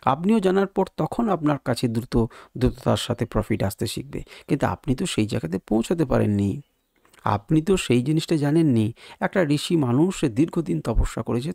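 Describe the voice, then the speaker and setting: A man's voice: mid-range voice, expressive, fairly quick, creaky, darkish tone, no room sound, clean studio sound. A man teaching trading, speaking in with an emphatic lecturing manner full of rhetorical questions. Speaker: trading educator. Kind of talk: explanatory lecture to viewers.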